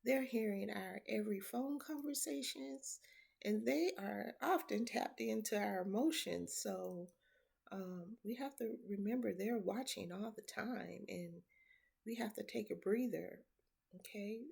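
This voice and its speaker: A woman's voice: mid-range voice, measured pace, creaky, darkish tone, husky. A middle-aged grandmother speaking in a casual, heartfelt monologue, earnest and reflective, repeating points for emphasis.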